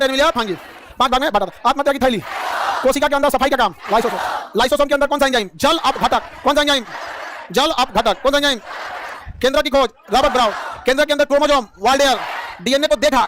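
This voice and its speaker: A man teaches a packed class with a very high, racing voice. He barks questions and answers them himself. The classroom is noisy and full of students. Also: a bit bright. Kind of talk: rapid-fire classroom quizzing.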